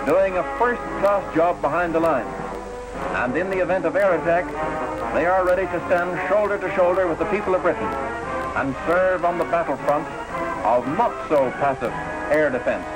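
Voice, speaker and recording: Over loud newsreel music, a man delivers scripted narration from a 1940s newsreel, formal and patriotic like an announcer, preserved on an old film soundtrack. His voice is a little high, his pace moderate, and the audio quality poor.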